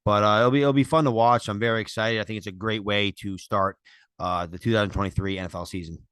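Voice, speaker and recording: A man co-hosting a sports podcast speaks in a low, smooth, resonant voice. The sound is dry and close. He gives earnest, measured analysis, peppered with fillers. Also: fairly even intonation, a bit bright, no room sound. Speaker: podcast co-host. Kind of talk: casual sports talk.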